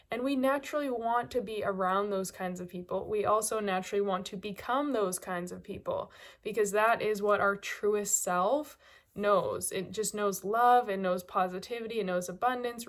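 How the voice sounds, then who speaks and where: A woman speaking as a self-help coach in a casual, conversational motivational talk, leaning on key words for emphasis. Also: medium pitch.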